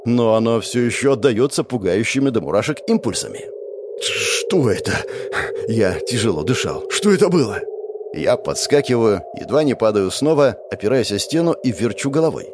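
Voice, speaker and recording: A man narrating a first-person audiobook in a dramatic, expressive way. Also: mid-range voice, brisk, hardly any pauses, background noise.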